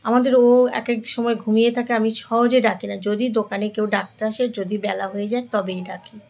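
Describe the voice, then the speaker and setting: A woman's voice: fairly high pitch, steady tone, moderate pace, vocal fry, darkish tone, poor audio. A middle-aged woman chatting casually to her viewers in a home vlog, addressing them as family and friends. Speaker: vlogger. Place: home, indoors and on a balcony.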